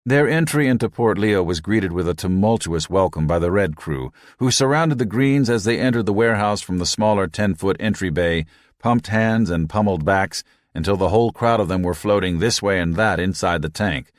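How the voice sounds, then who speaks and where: A man reading an audiobook in a measured, even narration. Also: sits low, dry recording, clean studio sound. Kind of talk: scripted narration.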